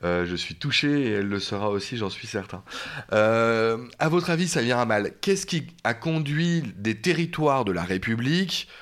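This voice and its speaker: A man hosting a podcast, asking measured questions and reformulating what his guest says. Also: mid-range voice, animated, fairly bright tone. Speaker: podcast host. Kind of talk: interviewer questions.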